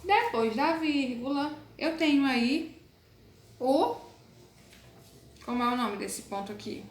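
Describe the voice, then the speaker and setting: A woman's voice: high voice, lively intonation. A woman teacher with a Brazilian Portuguese accent, patiently explaining a lesson to young pupils in a recorded online class. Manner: patient, explains slowly, calls pupils "my loves". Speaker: primary school teacher. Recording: echoey room, faint background noise.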